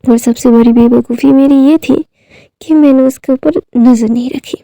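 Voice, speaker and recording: A woman's voice: high-pitched, steady tone, moderate pace, vocal fry, dark tone, no echo. A woman voicing a stern, protective young man who scolds steadily and coldly. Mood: angry, stern.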